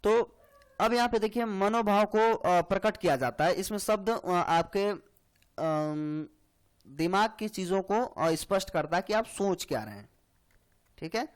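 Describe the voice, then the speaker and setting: A man teaching grammar for exam preparation, explaining slowly and checking in often with "hai na" and "theek hai". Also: high voice. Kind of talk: exam-prep lecture.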